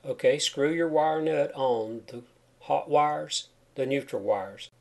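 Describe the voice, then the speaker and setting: Speaking slowly in a fairly high, creaky voice with a darkish tone, a man narrates a home wiring how-to step by step. He's a DIY instructor whose plain explanations are marked by a whistle on s sounds, due to a chipped tooth.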